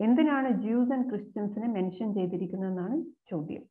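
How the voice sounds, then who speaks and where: A woman teaching an exam-prep class. She reads each question out slowly and then explains it at a quicker pace. Her voice comes through thin and tinny, like a phone line, at a medium pitch. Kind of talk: explaining exam questions, mixing Malayalam and English. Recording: phone-like narrow sound.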